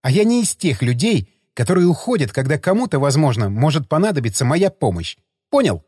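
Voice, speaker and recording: A defiant young woman standing her ground, as a male audiobook reader voices her. The voice is raised in pitch with a sharp, lively edge. The recording is dry and close. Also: a little fast, slightly rough, no echo.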